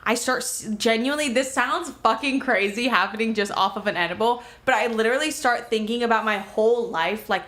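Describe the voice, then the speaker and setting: A woman's voice: on the high side, brisk, hardly any pauses, fairly bright tone. A young woman from Miami, a podcast co-host, telling a story in casual talk full of "like" and swearing. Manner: rambling, many "like" fillers, swearing.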